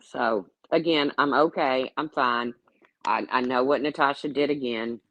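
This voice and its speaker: This YouTube livestream host is a woman in her late fifties with a bass voice, talking unhurriedly over dull audio. She's casual, blunt and sarcastic, rambling along and responding to her chat.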